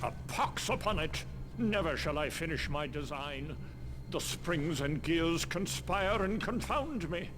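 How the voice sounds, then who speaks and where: A man's voice: fairly high pitch, lively intonation, measured pace, low-quality recording. An actor playing a frustrated, formal mechanist craftsman in a fantasy video game, with theatrical archaic speech. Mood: exasperated. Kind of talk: video game character dialogue.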